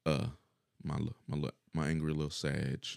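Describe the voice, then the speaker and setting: Man, extremely deep voice, gravelly, middle-aged, laid-back casual podcast talk. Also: flat delivery, moderate pace, a little mellow, dry recording, clean studio sound. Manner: laid-back, profane, laughs often. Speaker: podcast guest.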